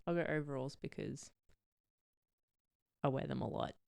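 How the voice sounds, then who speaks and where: A young woman co-hosting a casual podcast, answering bluntly in short, deadpan replies and swearing freely. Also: rumbling low, normal speed, gravelly, no room sound, clean studio sound. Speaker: podcast co-host answering questions. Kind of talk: casual chat.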